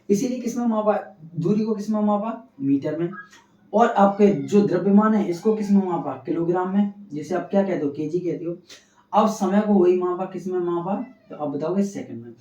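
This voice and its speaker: A male science teacher lectures in a rather dark, mellow voice, firing questions and answering them himself, repeating each key term. He sounds distant in an echoey room. The recording is dull and muffled. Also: high voice. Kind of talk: classroom lecture.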